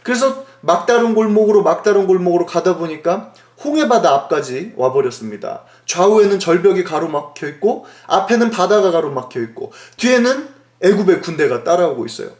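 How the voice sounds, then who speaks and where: A male pastor telling a Bible story in a Sunday school sermon, animated and often asking his listeners questions, in an echoey room. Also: high-pitched, brisk, hardly any pauses.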